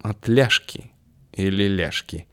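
A man reading an audiobook voices a nervous young man bluffing his way through a seedy club, with slow, exaggerated, mannered speech. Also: deep voice, fairly bright tone, clear, resonant tone.

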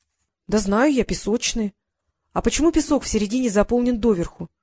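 A woman's voice: fairly high pitch, expressive, fairly quick, warm tone, dry recording, clean studio sound. A woman reading the part of a stubborn, curious girl who keeps challenging with questions. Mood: defiant.

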